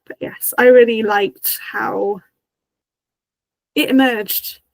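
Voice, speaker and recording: A woman's voice: a little high, fairly even intonation, takes it slowly, gravelly, no echo, rough recording. A woman hosting a casual review discussion, talking enthusiastically, quoting dialogue and using lots of "kind of like" fillers. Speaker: host.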